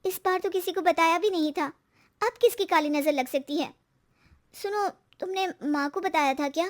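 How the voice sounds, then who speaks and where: High-pitched, chatty young wife in a cartoon story, hopeful and talkative, voiced by a woman. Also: moderate pace. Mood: worried.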